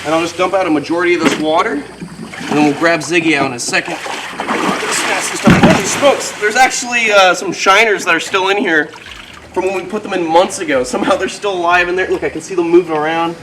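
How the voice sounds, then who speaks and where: A man's voice: high voice, quick pace, background noise. A man hosting a wildlife vlog outdoors, explaining what he is doing in an upbeat, informal way as he works. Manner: upbeat, informal, talks to viewers and animal. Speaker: wildlife video host. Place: outdoors at animal enclosures. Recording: music under outdoor speech.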